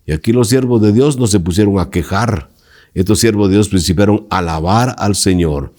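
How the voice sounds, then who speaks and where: Pastor guy teaching bible study, low voice, preachy and emphatic. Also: moderate pace, a little mellow. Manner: emphatic, preacherly, asks listeners direct questions.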